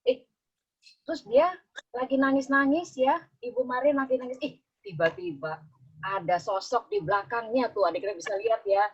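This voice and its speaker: A woman's voice: on the high side, normal speed, slightly rough, muffled recording. A woman Sunday school teacher telling a story to children on a video call, coaxing them with questions.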